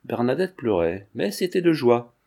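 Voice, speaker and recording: Guy reading an old french novel aloud, mellow warm voice, steady pace. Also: mid-range voice, moderate pace, gravelly. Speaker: audiobook narrator. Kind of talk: scripted narration.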